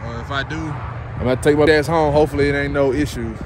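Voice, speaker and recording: A man, chatting casually in a vlog, relaxed and rambling, cussing freely. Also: fairly high pitch, quick pace. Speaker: vlogger. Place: in a parked car, then outdoors by a lake. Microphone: phone held at arm's length. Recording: noisy outdoor phone recording.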